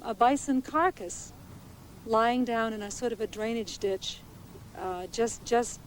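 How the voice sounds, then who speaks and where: Measured woman ranger, halting retelling. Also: on the high side, a little hiss or hum, poor audio. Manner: measured, halting, with small restarts. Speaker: naturalist and park ranger. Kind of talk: interview recounting a bear attack. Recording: 1980s VHS documentary interview.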